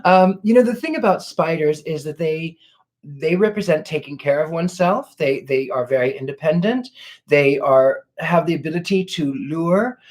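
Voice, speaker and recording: With a fairly high-pitched voice, this livestream host graciously and courteously answers viewers' questions in a casual live Q&A, offering warm thanks. He's reflective, often pausing and restarting sentences as he hunts for the right words.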